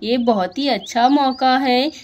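A woman's voice: high voice, measured pace, lo-fi sound, faint music behind. A woman voicing an eager little girl who chatters to herself in a doll story. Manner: chatty, excited, talking to herself.

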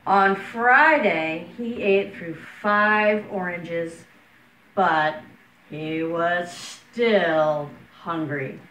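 A middle-aged woman, a preschool teacher talking and reading a picture book aloud to young children in an expressive, deliberate way. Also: fairly low pitch. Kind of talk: picture-book read-aloud with chatty announcements. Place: home room at a wooden table, indoors. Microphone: camera across the table. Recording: roomy, distant mic, background room noise.

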